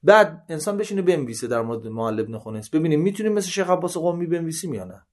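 A man giving a seminary lesson, reading Arabic narrations aloud and explaining each in conversational Persian, with sudden rises in pitch when he quotes. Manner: reads Arabic passages then paraphrases in colloquial Persian; animated, with sharp rises in pitch when quoting. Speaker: religious teacher.

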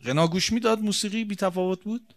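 A man preaching a religious sermon, emphatic, repeating key phrases and asking rhetorical questions, swinging between soft and forceful. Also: sits high.

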